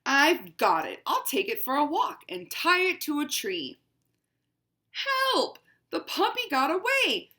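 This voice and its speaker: Pitched well above her natural voice, a woman heavily acts a haughty, pampered house cat in a storybook reading, high, bright, forceful and very animated. She goes at an unhurried pace yet barely pauses, exclaiming dramatically in a fussy mood as a female-ish narrator.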